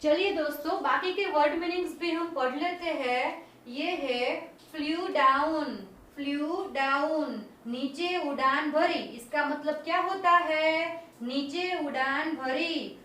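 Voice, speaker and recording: A woman teaching a children's vocabulary lesson, explaining each word slowly and repeating it. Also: high-pitched, a bit bright. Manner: slow, repetitive word-by-word explaining. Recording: very echoey room, distant mic.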